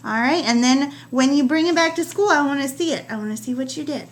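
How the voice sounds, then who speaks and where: A woman teacher giving a writing lesson to young children, slowly stretching out the sounds of words. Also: high-pitched.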